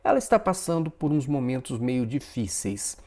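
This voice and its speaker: A man's voice: mid-range voice, animated, normal speed, a little mellow, close to an everyday voice. A man voicing a cheerful, chatty young woman trying to help her friend, in a read-aloud story.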